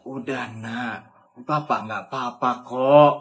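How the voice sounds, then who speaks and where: A man voicing a gentle, sickly father who talks softly and wearily to his daughter. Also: mid-range voice, fairly even intonation, takes it slowly. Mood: weary. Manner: soft, weary and resigned.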